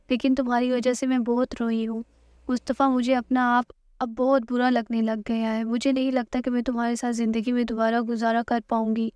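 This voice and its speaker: A woman's voice: a little high, warm tone, no echo, studio quality, lightly acted. A woman voicing a hurt, unforgiving young wife in a drama recap, reading the lines plainly in her own voice. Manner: plain read-aloud quote.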